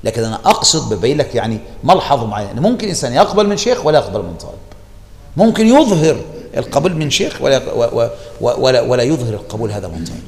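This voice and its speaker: A man with an Egyptian Arabic accent gives a religious lesson, his voice gravelly and his pitch swinging up and down. He talks fast and repeats his key points for emphasis. A long reverb from the hall trails after his words. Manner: animated teaching, repeats key phrases for emphasis. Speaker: religious teacher. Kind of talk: explaining a classical text in a lesson.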